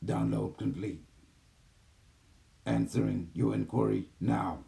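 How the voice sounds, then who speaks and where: A man voicing a gentle, calm male care robot that speaks in soft, low, clipped system announcements over a video call. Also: slow pace, vocal fry, heavily acted. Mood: calm, mechanical. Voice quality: soft, low, even machine-like delivery. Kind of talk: channeling a machine entity on a video call.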